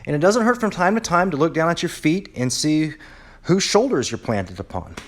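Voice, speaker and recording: A man's voice: a little high, big pitch swings, normal speed. A man, a dermatologist, presenting a history lecture to colleagues at a conference, telling stories about notable figures. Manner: admiring, storytelling lecture delivery.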